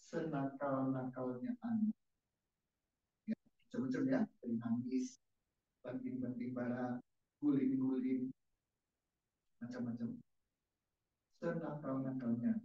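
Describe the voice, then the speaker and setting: A man's voice: mid-range voice, steady tone, slow, pauses often. A male pastor giving a casual, interactive sermon and quizzing his congregation with questions. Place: church service. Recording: echoey church hall, distant dull mic.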